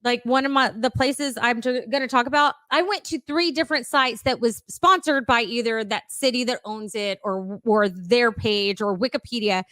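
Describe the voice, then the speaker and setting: A woman's voice: fairly high pitch, moderate pace, few pauses, fairly bright tone, no room sound. A woman co-hosting a casual podcast, chatty and laughing often, with lots of fillers. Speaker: podcast co-host. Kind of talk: casual chat.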